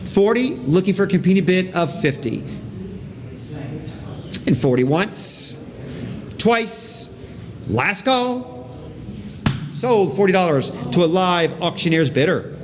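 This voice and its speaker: A man's voice: high-pitched, animated, measured pace, a crowd in the background. A man working as an auctioneer, calling bids in a live auction with repeating patter.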